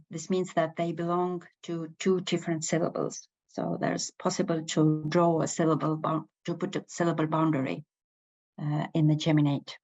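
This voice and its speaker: Here a woman with a low-sitting voice and an Estonian accent teaches language in an unscripted lecture. She is a native speaker of Estonian and sounds hesitant, restarting often and leaning on fillers. The audio is lo-fi.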